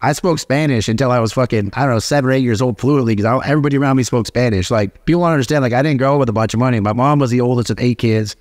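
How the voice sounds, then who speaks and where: A man hosting a podcast in a casual chat, talking in an animated, profane way full of street slang. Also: medium pitch, very fast, hardly any pauses, no echo, clean studio sound. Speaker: podcast host.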